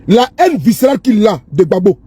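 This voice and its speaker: A man's voice: high-pitched, very animated, brisk, dark tone, slightly rough. A man giving casual, scornful political commentary to camera, repeating himself and asking viewers if they see. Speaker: political vlogger. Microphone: phone or camera he handles himself.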